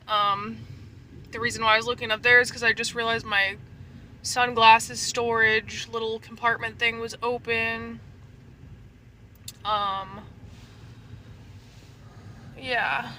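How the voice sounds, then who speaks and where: A woman's voice: on the high side, bright, forceful tone. A woman vlogging from inside her parked truck in casual, rambling, slangy chat, with faint ambient noise behind her.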